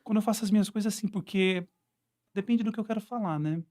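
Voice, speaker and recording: A Brazilian-accented singer-songwriter tells stories as a guest in a casual interview, often adding little tags to check in with the listener. His voice sits high and warm, and he speaks fast.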